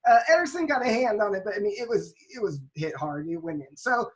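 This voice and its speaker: On a casual podcast, a woman recounts a soccer match as lively play-by-play, often restarting and stressing words. Her voice is medium in pitch and a little fast.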